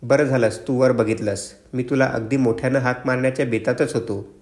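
A man reading the part of an excitable, effusive young man who talks eagerly in a story, in a roomy-sounding recording. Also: mid-range voice, brisk, lightly acted. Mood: eager hushed. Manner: eager, exclaiming, confiding. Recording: roomy echo.

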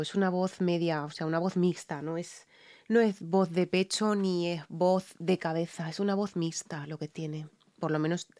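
A woman's voice: lowish voice, darkish tone. A woman with a Spain Spanish accent, a singer giving casual reaction commentary and explaining vocal technique with lots of fillers. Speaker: singer reacting to and analysing a song.

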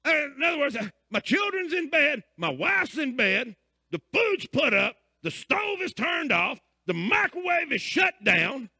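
A man's voice: very high-pitched, big pitch swings, unhurried, gravelly, no room sound, clean studio sound, pitched above the performer's own voice, exaggerated voice. A preacher putting on a grumpy man woken at night. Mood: exasperated. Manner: shouting, irritated refusals.

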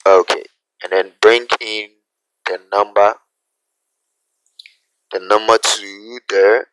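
A man teaching a graphic design software tutorial, talking through each step slowly and checking in with "okay?" as he goes. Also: fairly low pitch, fairly even intonation, clean tone, dry recording, low-quality recording. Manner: unhurried, repeats steps, asks "okay?" often. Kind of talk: screen-recorded software tutorial.

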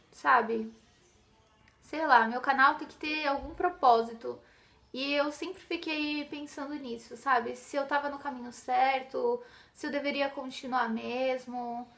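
A young woman from Brazil talks casually to her camera from her living room sofa. Her voice sits high and bright with a gravelly fry, and she speaks in an earnest, rambling way. The sound is close and plain, from a built-in camera mic. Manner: chatty, heartfelt, many fillers like "sabe" and "gente". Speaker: beauty vlogger.

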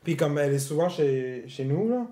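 A man's voice: a little high, lively intonation, moderate pace, dark tone, roomy sound. A man with a Québécois French accent chatting casually as a battle rapper, mixing English slang into his French. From Quebec. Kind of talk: casual chat.

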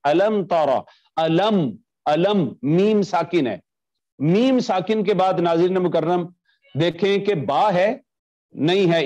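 Guy teaching quran recitation online, kinda high voice, patient, repeats stuff slow, muffled lo-fi audio. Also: darkish tone. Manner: patient, repeats examples and chants phrases slowly. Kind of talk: recorded online lecture. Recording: dull lo-fi recording.

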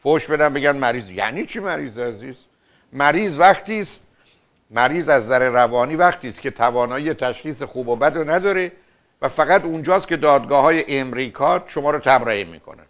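Older man, call-in therapist, lecturing, insistent, rhetorical questions, mid-pitched voice. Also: expressive, a bit bright. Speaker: radio and TV family therapist host. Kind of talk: call-in advice show.

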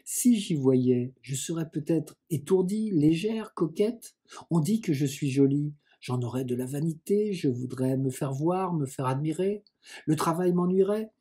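A man reading the lines of a gentle, pious young blind woman in an audiobook, in a soft, serene, resigned way. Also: on the high side, husky.

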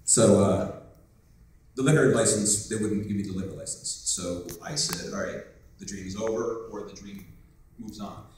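A man's voice: lowish voice, normal speed, darkish tone, a little hiss or hum. A man on a convention panel telling a rambling, joking story. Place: hotel conference room. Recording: echoey room from far off.

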